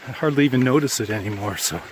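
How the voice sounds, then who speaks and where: Out on a mountain trail with a handheld camera, a tired hiker gives a plain-spoken, rambling spoken diary. His voice sits at medium pitch, animated and quick, and a faint hiss runs underneath.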